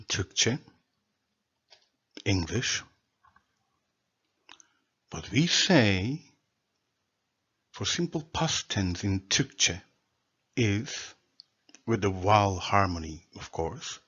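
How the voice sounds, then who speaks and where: Slow husky man. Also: lowish voice, animated, fairly bright tone, dull audio. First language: Turkish. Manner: slow, deliberate, lists words one by one. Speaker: presenter of a language theory. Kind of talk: solo explanatory lecture.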